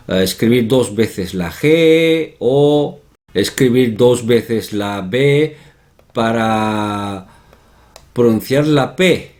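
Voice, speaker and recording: Slow, repetitive male language teacher. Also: medium pitch, darkish tone. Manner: repetitive, checks in with tag questions. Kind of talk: explanatory online lesson.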